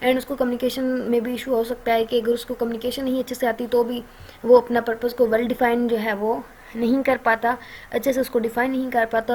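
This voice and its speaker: Chatty woman lecturer, high voice. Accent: Pakistani. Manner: conversational, frequent "ठीक है" check-ins and filler pauses. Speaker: online lecturer. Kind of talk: explaining a course lecture.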